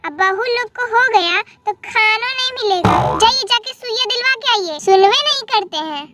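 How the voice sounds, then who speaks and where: A woman's voice: extremely high pitch, animated, moderate pace, heavy background noise. A woman voicing a bossy old village grandmother, nagging in rustic dialect. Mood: scolding.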